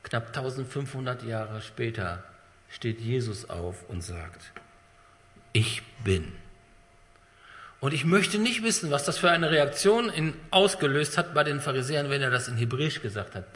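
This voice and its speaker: A man preaching a sermon with dramatic swings between loud emphasis and hushed, drawn-out phrases. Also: medium pitch. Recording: long hall reverb.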